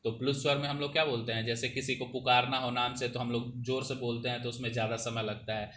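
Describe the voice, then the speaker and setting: Bright-voiced male grammar teacher. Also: mid-range voice, flat delivery, fast, slight background noise. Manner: explanatory, repeats "ठीक है ना" to check understanding. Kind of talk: Hindi grammar lesson over a screen.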